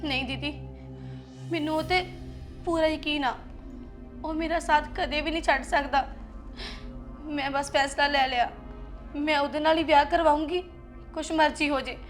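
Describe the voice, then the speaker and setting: Young Punjabi woman for short-film drama, high voice, pleading and insistent, music under. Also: steady tone, moderate pace, long pauses. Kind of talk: melodramatic short-film acting.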